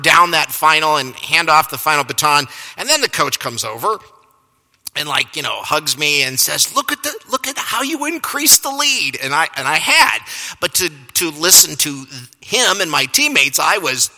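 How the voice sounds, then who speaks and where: Bright-voiced male preacher in a reverberant hall. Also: a little high, lively intonation, normal speed. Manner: self-deprecating storyteller, chuckles at himself. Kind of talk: sermon with personal story. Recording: long reverb of a large hall.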